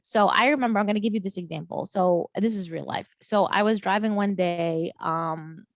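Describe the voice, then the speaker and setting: A woman professor lecturing a college class over a video call, chatty and lively, often repeating words. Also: medium pitch, normal speed, no echo, dull audio.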